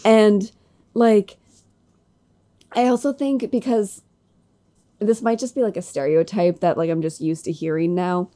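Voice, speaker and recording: A woman's voice: mid-range voice, fairly even intonation, unhurried, long pauses, mellow. Woman, Boston accent, podcast co-host, casual chat, rambling, swears a lot. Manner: rambling, many "like" fillers, swears freely.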